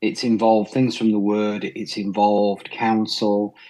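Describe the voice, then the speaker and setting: A middle-aged English man with a British accent, a missionary pastor speaking in a podcast interview in a measured, reflective way with light humor. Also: fairly low pitch, flat delivery, dark tone, rough recording. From England.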